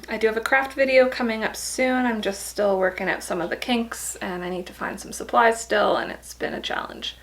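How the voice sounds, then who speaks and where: A woman's voice: on the high side, fairly even intonation, brisk, few pauses, fairly bright tone, rough recording. A tired, pregnant young woman giving a casual vlog update, chatty and laughing often. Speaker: vlogger.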